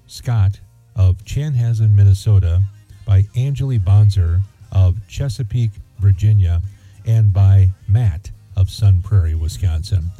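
A man with a very low, deeply mellow voice makes formal radio announcements. He is solemn and measured, pausing between phrases. The sound is dull and somewhat roomy. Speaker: funeral notice announcer.

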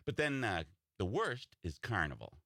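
A man's voice: lowish voice, normal speed, vocal fry, no room sound, clean studio sound. A man with a Wisconsin accent chatting casually as a comedian guest, telling anecdotes and acting out what people say. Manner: animated storyteller, acts out quoted remarks. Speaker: stand-up comedian, interview guest. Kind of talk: casual chat with comic anecdotes.

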